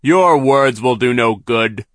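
A man reading an audiobook, voicing a sneering villainous factory foreman who talks slowly and mockingly. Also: medium pitch, a bit bright, no echo, clean studio sound, pitched above the performer's own voice. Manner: slow, mocking, drawn-out. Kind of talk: audiobook character voice.

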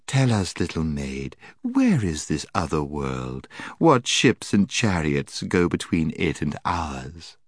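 A man voicing a sweet, coaxing, half-mocking witch queen in a storybook, with soft, slow, courtly speech. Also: rumbling low, huge pitch swings, slightly rough, dry recording, clean studio sound, exaggerated voice. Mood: soothing, mocking. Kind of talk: dramatised storybook reading.

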